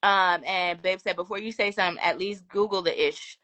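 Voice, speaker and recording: Bright-voiced woman reading viewer comments. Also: fairly low pitch, no room sound. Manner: reads comments aloud with quick laughs and asides. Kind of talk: casual live-stream chat.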